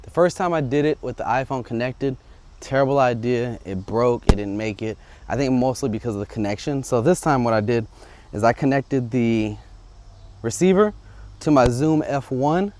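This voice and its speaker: Testing his audio gear, a vlogger walks up a residential street outdoors and chats informally, thinking aloud in an unscripted, casual vlog. The wireless lavalier is clipped to his shirt, and his voice is medium-pitched with a darkish tone.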